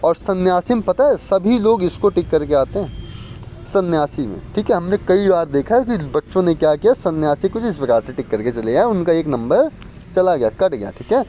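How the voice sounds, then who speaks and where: A man teaching an exam-prep spelling lesson, repeating words and quizzing viewers with quick questions. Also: high-pitched, lively intonation, warm tone. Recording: muffled lo-fi with faint street noise.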